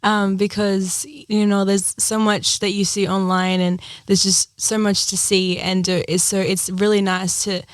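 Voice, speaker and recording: A young woman from Ecuador chats earnestly as an interview guest, her talk full of "like" and "um." Her voice sits at a middle pitch, and the recording is close and dry. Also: level tone, measured pace, few pauses, no room sound. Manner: chatty, earnest, many "like" and "um" fillers. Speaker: singer-songwriter guest. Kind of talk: casual interview chat.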